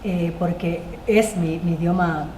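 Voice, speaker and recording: A woman novelist whose first language is Spanish answers panel questions hesitantly, with many fillers and restarts. Her voice sits on the low side, steady, a little slow, and mellow, recorded in an echoey room with faint noise.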